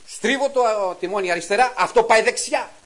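A middle-aged man giving a testimony sermon to a congregation, telling a story with lively, acted-out dialogue and sudden raised exclamations. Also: high-pitched, low-quality recording. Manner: animated storytelling, acts out quotes in a raised voice.

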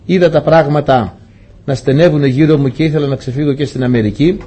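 A man's voice: on the high side, steady tone, warm tone, slightly rough. A man preaching a testimony sermon, telling his story earnestly and often turning to address the congregation as dear brothers.

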